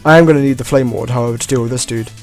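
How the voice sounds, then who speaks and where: A man's voice: medium pitch, racing. Easygoing man narrating his gameplay. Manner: relaxed, chuckling, trailing "I guess". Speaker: let's play host. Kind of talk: gameplay commentary. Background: faint game music.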